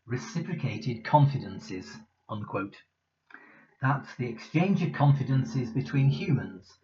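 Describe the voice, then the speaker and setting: Man giving a measured sermon. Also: mid-range voice. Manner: measured, conversational preaching. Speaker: preacher. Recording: slightly dull lo-fi recording.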